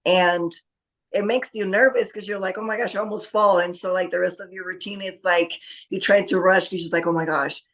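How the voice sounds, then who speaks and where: A woman's voice: on the low side, fairly even intonation, fairly quick, a bit bright. A woman from Costa Rica, a guest on a podcast, talking casually with many fillers. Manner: hesitant, many fillers, laughs easily. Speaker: podcast guest, bodybuilding athlete. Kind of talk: casual interview.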